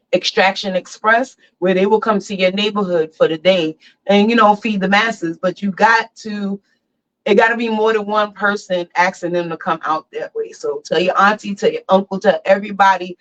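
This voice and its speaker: A woman records her laid-back podcast on a phone while in a barber chair, sounding chatty and pumped. Her voice is medium in pitch and slightly bright, captured with lo-fi phone-mic sound.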